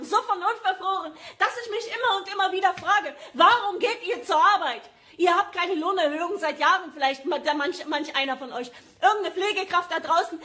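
A woman from Germany with a very high voice, ranting angrily in a livestream. She speaks straight to her viewers, worked up and repeating her points again and again. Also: sharp tone. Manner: agitated, repetitive, addresses viewers directly. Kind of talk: angry livestream rant.

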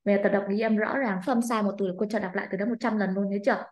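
A woman's voice: medium pitch, steady tone, very fast, a little mellow. A Vietnamese woman, an English teacher, drilling a student's pronunciation with strict, corrective remarks in a one-on-one lesson. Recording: echoey room.

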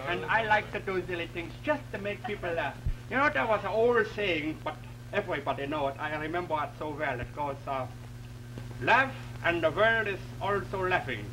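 An actor playing a kindly, pleading clown in an early talkie film, halting and folksy, with ungrammatical, repetitive speech. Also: male voice, sits high, lively intonation, pushed and bright. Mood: cheerful, reflective. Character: kindly, pleading circus clown, stubborn lone juror. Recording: noisy 1920s film soundtrack with hum.

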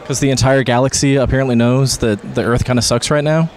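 A man's voice: medium pitch, steady tone, quick pace. A man interviewing a cosplayer, asking questions and teasing in a wry way. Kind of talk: casual interview.

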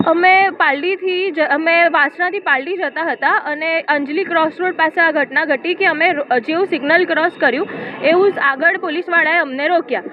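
Very high-voiced woman on a tinny line. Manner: talks haltingly with restarts, acts out quotes. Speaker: interviewee recounting an incident. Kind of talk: emotional first-person account. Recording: tinny lo-fi sound with faint noise.

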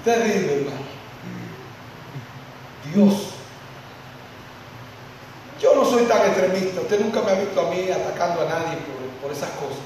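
A man, a pastor preaching a sermon, lively and talking straight to his listeners. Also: high voice, normal speed, long pauses, slight background noise. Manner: lively, acts out congregants, addresses listeners directly. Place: church hall. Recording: echoey church hall from far off.

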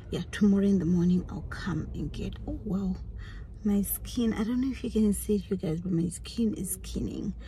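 A woman in her thirties talks slowly and unhurriedly to her phone camera from a parked car. Her easy, chatty delivery often sinks to a near whisper. A faint hiss sits under the voice. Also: medium pitch, mellow, poor audio. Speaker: vlogger. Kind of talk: casual chat to camera. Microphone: phone at arm's length.

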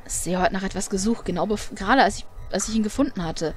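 A woman's voice: medium pitch, quick pace, soft background music. A woman hosting a let's play, chatting casually and reading the game text aloud.

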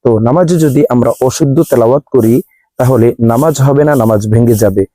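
A man teaching Quran recitation step by step, spelling out letters and vowel marks slowly, then chanting each verse long and drawn out. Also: mid-range voice, dark tone, dry recording.

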